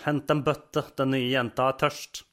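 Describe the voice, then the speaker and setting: A man's voice: medium pitch, level tone, fairly bright tone, close to an everyday voice. A man voicing a cruel, furious noble countess who screams her commands in a raised voice. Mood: raging.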